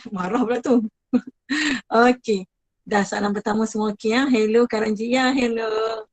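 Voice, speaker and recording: Woman teacher, Malaysian Malay accent, fairly high voice, dry close sound, chatty, praises students. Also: steady tone, a little slow, no echo, low-quality recording. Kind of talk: online class with students.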